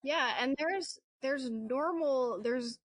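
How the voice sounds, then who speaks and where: A woman dog trainer who is a guest in a casual conversation, chatty and animated as she tells stories. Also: high-pitched, takes it slowly.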